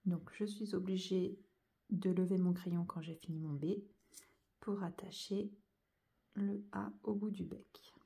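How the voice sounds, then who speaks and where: A woman's voice: on the low side, steady tone, measured pace, gravelly, pauses often, dark tone. A woman teaching young children to join cursive letters, going over each stroke and sound patiently, one step at a time. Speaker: handwriting teacher.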